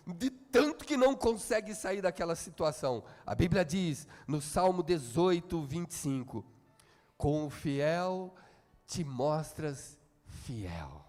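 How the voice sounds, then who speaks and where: Brazilian pastor guy, high voice, preaching loud then soft, big church echo. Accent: Brazilian Portuguese. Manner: preaching with call-and-response, swings from quiet to shouting. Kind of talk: sermon. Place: church hall.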